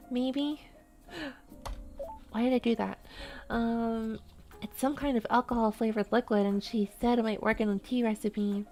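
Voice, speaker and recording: A woman's voice: fairly high pitch, darkish tone. A woman streaming a game, talking casually and rambling with lots of fillers. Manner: chatty, rambling, many "like" fillers. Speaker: VTuber streamer. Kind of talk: casual chat while playing a game.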